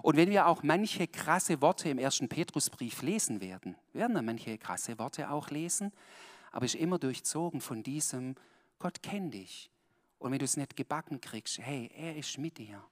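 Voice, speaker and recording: A pastor giving a colloquial sermon, swinging between loud emphatic bursts and hushed asides, speaking directly to his listeners. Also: on the high side, lively intonation, moderate pace, big-room sound.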